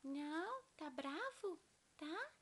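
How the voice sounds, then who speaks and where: A woman's voice: extremely high pitch, very animated, drawn-out words, heavy background noise. A mother, coaxing her baby in sing-song baby talk on a home video.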